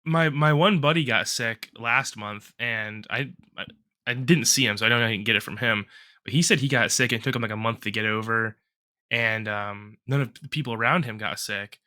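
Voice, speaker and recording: A man co-hosting a casual podcast, rambling and swearing through animated rants, still a bit congested from a cough. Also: mid-range voice, brisk. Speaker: podcast co-host.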